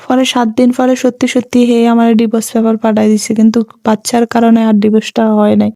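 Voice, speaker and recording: A young woman with a Noakhali Bengali accent tells a dramatic first-person story in a plaintive voice. She talks fast on a rather high, mellow pitch with a narrow, flat melody. The sound is close and dry. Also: creaky, no room sound. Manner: plaintive, tearful-sounding retelling.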